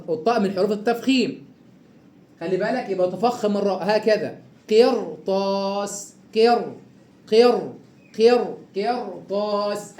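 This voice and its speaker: A man with an Egyptian accent teaching Quran recitation rules, stretching out example words slowly and quizzing the listener. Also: high-pitched, a little mellow, roomy sound. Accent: Egyptian Arabic. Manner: drawn-out slow repeating of example words, quizzing questions. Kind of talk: tajweed lesson.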